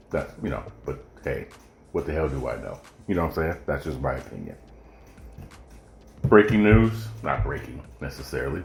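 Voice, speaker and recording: A man's voice: very deep voice, a little mellow. A man hosting his own podcast, chatting casually and jokingly straight to his listeners. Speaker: podcast host. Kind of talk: casual solo podcast chat. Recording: echoey room with faint music.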